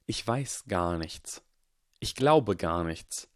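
An earnest young wizard lays out his reasoning in a calm, measured way, read by a man. The voice sits fairly low and the sound is dry and close. It has the feel of a storybook reading. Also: dry recording. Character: calm, earnest boy wizard lecturing on science.

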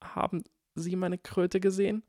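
A man's voice: sits high, level tone, normal speed, a little mellow, dry recording, studio quality, pitched above the performer's own voice, close to an everyday voice. A man voicing a timid, trembling young schoolboy with a tiny voice in a storybook reading.

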